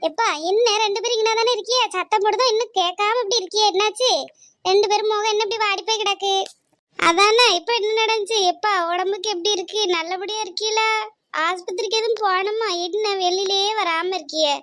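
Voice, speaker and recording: A woman plays a caring young neighbour in a cartoon who coaxes and reassures an old couple, speaking. Her voice is very high and fast, recorded close and dry. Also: fairly even intonation, fairly bright tone, no room sound. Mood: reassuring. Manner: coaxing and reassuring.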